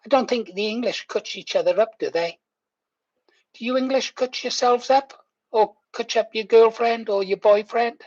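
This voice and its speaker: A man's voice: extremely high pitch, moderate pace, darkish tone. A man over sixty, chatting casually to viewers as he hosts a livestream. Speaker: livestream host. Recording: muffled, echoey room.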